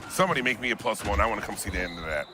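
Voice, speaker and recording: A man's voice: fairly low pitch, expressive, racing, noisy background. A man giving casual live play-by-play of a video game tournament, with teasing banter. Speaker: esports commentator.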